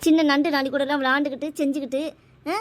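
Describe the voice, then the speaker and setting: A woman scolds her children in a scripted family skit. Her voice sits high, and she nags loudly in quick, sharp bursts. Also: fairly even intonation. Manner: scolding, nagging, loud and rapid.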